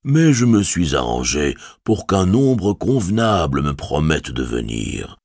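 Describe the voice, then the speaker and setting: A man voicing an ancient giant male tree-creature in an audiobook, with a booming, deep voice and slow, drawn-out speech. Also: very animated, darkish tone, dry recording, clean studio sound, heavily acted. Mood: ponderous. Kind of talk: audiobook character voice.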